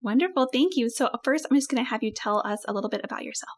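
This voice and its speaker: A woman's voice: fairly high pitch, animated, rapid-fire, no echo, studio quality. A woman working as a podcast host, presenting the show and interviewing a guest. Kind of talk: scripted show introduction and interview hosting.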